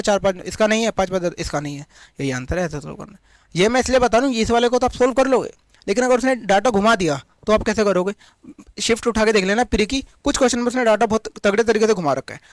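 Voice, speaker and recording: A man teaching an exam-prep maths lesson, working quickly through sums step by step and speaking straight to his students. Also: high-pitched, no echo.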